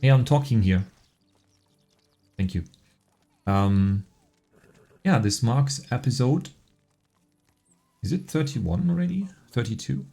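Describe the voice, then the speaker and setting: A man hosting a gameplay video, telling a joking story and chatting casually in a wry, relaxed way. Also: mid-range voice, takes it slowly, creaky, long pauses, soft background music. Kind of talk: playful storytelling narration and casual gameplay commentary.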